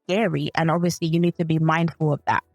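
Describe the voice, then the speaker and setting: In studio-quality audio with no echo and soft background music, a Zambian woman speaks fast in a low, level voice. She co-hosts a faith and relationships podcast, keeping the chat casual yet thoughtful and often correcting herself mid-sentence with frequent restarts.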